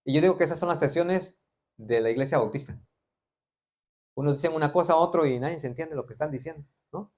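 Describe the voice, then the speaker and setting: A man's voice: a little high, quick pace, a little mellow. A middle-aged man from Veracruz with a Veracruz Mexican Spanish accent, preaching a sermon and quizzing the congregation with joking asides. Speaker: pastor.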